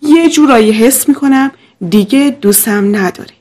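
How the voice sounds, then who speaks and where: A woman's voice: on the high side, a little mellow, lightly acted. A woman voicing a distraught young wife who pleads through tears. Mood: tearful, pleading. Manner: pleading, tearful.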